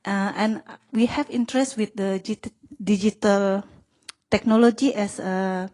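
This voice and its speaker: A woman's voice: mid-range voice, measured pace, a little mellow. A woman from Indonesia, a city planning official asking a panel a question and searching for her words.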